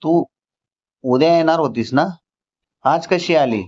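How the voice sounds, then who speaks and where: A man's voice: on the high side, slow, a little mellow, pitched above the performer's own voice. A man voicing a lovestruck, easily irritated young man in a storybook, with a plain, slightly peevish reading. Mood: anxious. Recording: slightly dull lo-fi recording.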